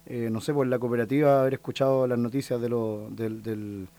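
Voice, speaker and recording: Speaking fairly quickly in a warm, medium-pitched voice with little pitch movement, a Chilean folk singer in his thirties chats in a casual interview. He hesitates often, with many fillers and restarts.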